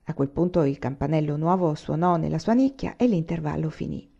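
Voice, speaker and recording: A woman reading a novel aloud, gently voicing the characters with small lifts in pitch. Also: lively intonation, brisk, gravelly. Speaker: audiobook reader. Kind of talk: read-aloud novel narration. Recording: dull lo-fi recording.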